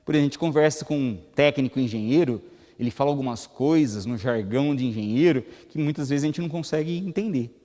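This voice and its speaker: A man's voice: mid-range voice, fast, warm tone. A Brazilian man with a Brazilian Portuguese accent giving a spoken lecture at a spiritist center, talking conversationally and putting rhetorical questions to the audience. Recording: reverberant hall.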